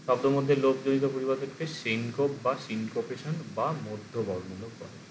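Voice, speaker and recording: A man's voice: mid-range voice, steady tone, normal speed. Guy teaching an exam prep class, mid voice, asks himself questions then answers them, faint noise behind. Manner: explains step by step, asks and answers his own questions.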